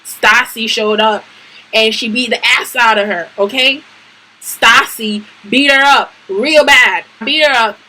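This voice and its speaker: A young woman vlogger tells a story with emphatic, slangy energy. Her voice is bright and a little high, and she leans hard on each twist of the tale. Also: poor audio. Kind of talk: storytime vlog.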